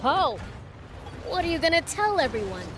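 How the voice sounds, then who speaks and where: A woman's voice: very high-pitched, big pitch swings, moderate pace, noisy background. An actress playing a cheeky young companion who teases an old man bluntly. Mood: teasing. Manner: teasing, blunt.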